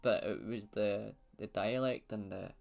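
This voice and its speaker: Sweary Scottish man with gravelly voice. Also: on the low side, steady tone, a little slow, darkish tone, soft background music. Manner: sweary, blunt, laid-back banter. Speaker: podcast host. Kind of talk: casual chat. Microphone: webcam video call.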